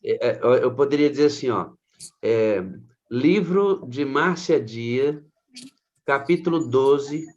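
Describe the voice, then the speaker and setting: A man's voice: mid-range voice, highs cut off. A Brazilian man speaking as pastor, encouraging a church member and tying her story to scripture. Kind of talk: pastoral conversation.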